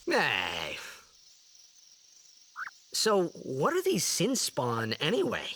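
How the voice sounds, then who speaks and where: A man's voice: fairly high pitch, huge pitch swings, extremely slow, a bit bright, slight background noise, heavily acted. An actor playing an earnest young man in reflective game cutscene dialogue. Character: young man weighing a new calling.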